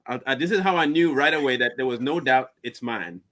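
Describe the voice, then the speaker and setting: A man hosting a casual chat, telling lively stories and laughing often. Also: mid-range voice, fairly quick, a little hiss or hum. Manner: animated storyteller, laughs often. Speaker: podcast host.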